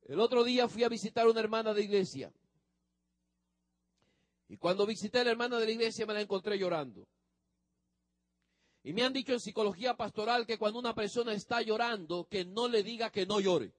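A man's voice: high voice, a little fast, long pauses, dry recording. A male pastor preaching a sermon, speaking emphatically to the congregation and drawing out the ends of phrases.

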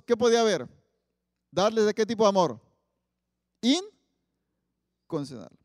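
A man preaching a sermon, often asking the audience questions and stressing Bible quotes loudly. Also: sits high, studio quality. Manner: asks the audience many questions, loud emphatic Bible quotes. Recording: long hall reverb.

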